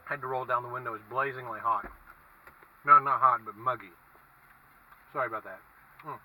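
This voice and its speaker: Halting man with a sharp, bright voice. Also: medium pitch, fairly even intonation. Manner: halting, musing. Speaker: food reviewer. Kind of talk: casual vlog review, talking while eating. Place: inside a parked car with windows down. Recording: distant mic, faint car and traffic noise.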